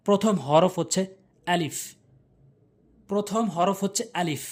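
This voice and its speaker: A teacher giving a slow, step-by-step pronunciation lesson, repeating each letter sound several times and explaining it in simple terms. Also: medium pitch, expressive. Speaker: Quran recitation teacher.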